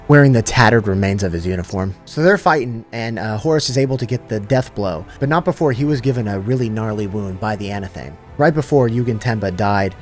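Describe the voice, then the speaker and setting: A man casually retelling a long story in loose, slangy everyday speech, paraphrasing the characters as he goes. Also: fairly low pitch. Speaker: lore channel host. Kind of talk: casual abridged lore retelling.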